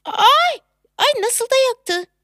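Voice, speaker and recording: A woman's voice: high-pitched, sing-song, slow pace, a bit bright, no room sound, clean studio sound, heavily acted. An actress playing a flustered young working mother, a factory worker, in a theatrical monologue; she exclaims in alarm and coos to her baby. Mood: hurried.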